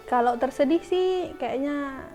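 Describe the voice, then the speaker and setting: A twenty-three-year-old woman chats casually to camera and now and then drops in English phrases. Her voice is mellow and warm, and a little high. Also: unhurried, soft background music. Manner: chatty, mixes in English phrases. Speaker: new education graduate.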